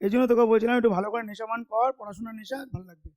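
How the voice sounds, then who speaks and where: A man's voice: extremely high pitch, steady tone, a little mellow. A male commerce tutor giving an informal classroom lecture, talking to students in a familiar, teasing way and often asking if they follow. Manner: chatty, keeps checking understanding with quick questions.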